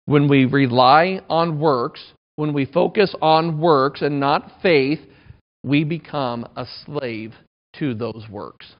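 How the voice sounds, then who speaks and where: A man's voice: on the high side, takes it slowly. A man in his thirties preaching a sermon in a conversational, self-deprecating way. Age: 30s. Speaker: pastor. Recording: dull lo-fi recording.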